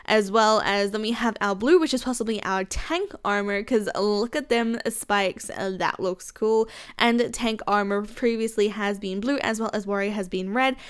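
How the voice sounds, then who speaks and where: An Australian woman hosting casual game news commentary, gushing and excitable, full of fillers. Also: a little high, clear, resonant tone. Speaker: gaming YouTuber.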